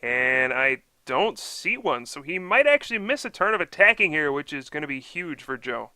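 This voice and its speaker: A man's voice: on the high side, very animated, normal speed, bright, forceful tone, no echo. A man doing live card game commentary, upbeat and analytical, explaining each play.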